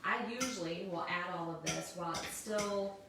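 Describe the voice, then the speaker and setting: A chatty woman co-hosts a home cooking demo and walks through each step in a fairly low voice. She is recorded from a distance in a very echoey kitchen. Clattering dishes and pans can be heard clearly behind her. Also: normal speed. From Missouri, United States. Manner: chatty, laughs often, explains steps warmly. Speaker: cooking show co-host. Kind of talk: casual cooking demonstration. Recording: echoey kitchen, mic far off, loud kitchen noise.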